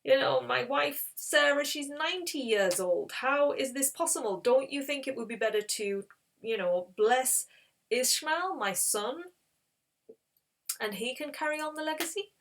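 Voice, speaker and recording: A woman lightly plays an aged patriarch in a storybook retelling, full of incredulous questions. He pleads in a voice pitched a little above her usual talk. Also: expressive, measured pace, gravelly, heavily acted. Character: old man, astonished aged patriarch.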